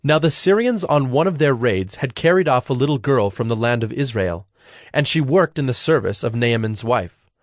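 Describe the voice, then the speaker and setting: A man narrating scripture in a measured, even reading voice. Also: medium pitch, no echo, studio quality. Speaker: scripture reader.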